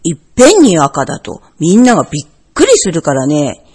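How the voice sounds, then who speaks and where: A woman voicing a proud, easygoing bear father who bluffs a little, in a lowered, self-assured husky tone. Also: wildly swooping pitch, a little fast, a little mellow, full character voice.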